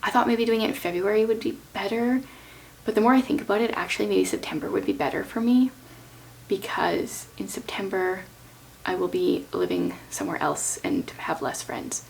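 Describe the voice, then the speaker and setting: A woman talking casually and chattily as a book vlogger, thinking aloud in an informal way with a creaky voice. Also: medium pitch, big pitch swings, normal speed, rough recording. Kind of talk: casual chatty talk to camera about reading plans.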